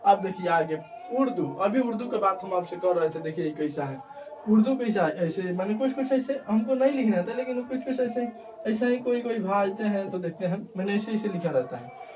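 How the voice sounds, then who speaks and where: Young male online tutor with a high voice, recorded from a distance. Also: lively intonation, normal speed. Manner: repeats checks of understanding. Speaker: teacher. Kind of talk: online grammar lesson.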